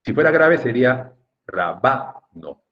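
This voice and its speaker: A man's voice: mid-range voice, big pitch swings, normal speed. A man teaching an online class, patiently coaxing students by name and drawing out words to stress their syllables, over a video call. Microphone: computer mic on a video call. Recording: muffled lo-fi video call audio.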